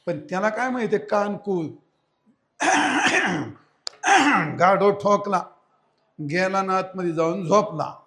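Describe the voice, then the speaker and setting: A man preaching a devotional sermon, telling a folk fable with humor and lively storytelling. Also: high voice, normal speed. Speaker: kirtan preacher. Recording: echoey hall.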